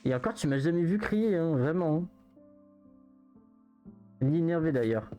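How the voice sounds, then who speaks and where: A man's voice: fairly high pitch, animated, dark tone. Protesting male streamer, faint music behind. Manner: protesting, fast, repetitive banter. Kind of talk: casual chat on a live stream.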